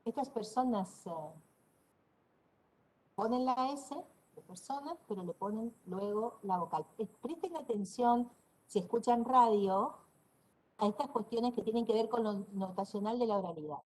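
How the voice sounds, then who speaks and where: A woman with a northeastern Argentine accent, from Corrientes, gives an online university lecture, explaining pronunciations and demonstrating them aloud. Her voice is fairly high and a little mellow, at a moderate pace, and the recording is rough.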